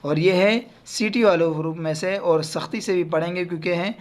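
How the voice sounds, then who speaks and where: A man's voice: high-pitched, fairly even intonation. A man with a Pakistani Urdu accent teaching Quran letter pronunciation to children, stretching out each letter sound between explanations.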